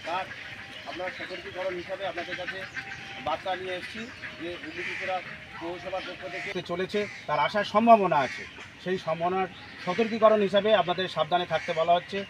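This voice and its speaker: Man making a halting public warning. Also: high-pitched, steady tone, noisy background. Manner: halting, repetitive delivery. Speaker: municipal public announcer. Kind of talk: public address announcement.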